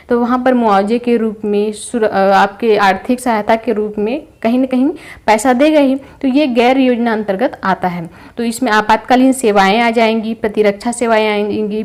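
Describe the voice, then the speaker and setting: A woman's voice: a little high, darkish tone. A young woman from India with a Chhattisgarh Hindi accent teaches an exam-prep lesson, explaining patiently through everyday examples and frequent check-ins.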